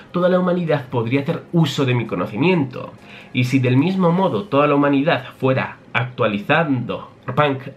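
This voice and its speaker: A man's voice: medium pitch, muffled recording, a little hiss or hum, lightly acted. Man reading as an eccentric genius scientist. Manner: explanatory, lecturing.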